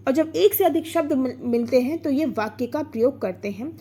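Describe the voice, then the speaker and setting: A woman's voice: high-pitched, expressive, normal speed, mellow, breathy edge. A woman teaching an online exam-prep grammar lesson, explaining step by step, asking her own questions and answering them, sounding out vowels and syllables.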